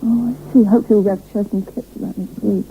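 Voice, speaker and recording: A woman co-hosting a chatty interview, asking brisk, friendly questions, heard from a worn tape copy. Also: mid-range voice, fairly even intonation, narrow, tinny audio, slight background noise. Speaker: co-host interviewer.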